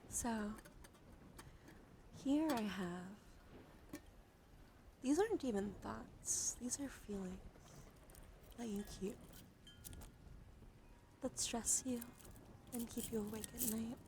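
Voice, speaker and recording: A woman hosting a live ASMR roleplay stream delivers a soothing bedtime monologue, gentle and reassuring, in slow, short phrases that often sink into whispers. Her voice is a little high, and there's a slight hiss or hum.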